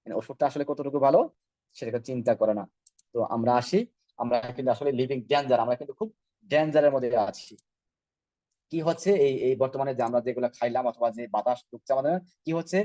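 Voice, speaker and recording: Fast-talking man presenting slides. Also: mid-range voice, fairly even intonation, dark tone, dry recording. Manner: rhetorical questions, repeated check-ins. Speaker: product trainer. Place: online call.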